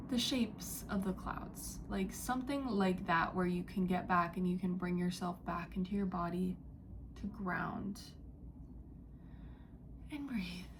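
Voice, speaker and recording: A young woman giving a spiritual channeling message, talking in a halting, dreamy way with many fillers and slipping into soft whispers. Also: lowish voice, noisy background. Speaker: psychic channeler. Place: indoors near a window, street and birds outside.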